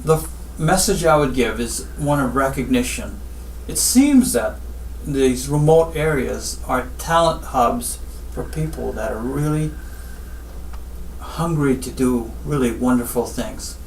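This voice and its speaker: Heard from a slight distance in a roomy space with faint ambience and some background noise, a spinal surgeon from Guyana responds to interview questions. His mid-range voice is gravelly and animated, yet his manner stays measured and instructive, returning again and again to "I tell them."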